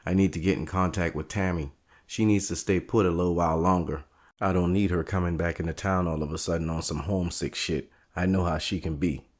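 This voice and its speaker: Deep-voiced and brisk, a man voices a barbershop owner in an audio drama, guarded and plain-spoken as he refuses to yield to mobsters. His tone stays steady, his mood calm and resolute.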